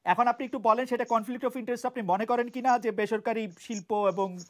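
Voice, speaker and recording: A man hosting a talk show, moderating a political debate with halting restarts as he tries to interject. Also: very high-pitched, steady tone.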